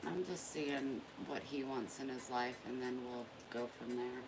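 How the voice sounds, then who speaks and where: A woman's voice: extremely low pitch, steady tone, unhurried, noisy background. A woman vlogging at home, rambling candidly and confiding in her viewers. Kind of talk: casual chat to camera.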